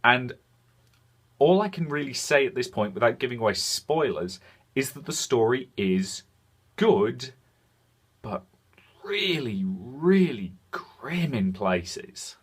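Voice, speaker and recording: In a mid-range, sing-song voice with a breathy edge, a man hosts a video game review. He speaks frankly in semi-scripted commentary and uses deliberate pauses for emphasis.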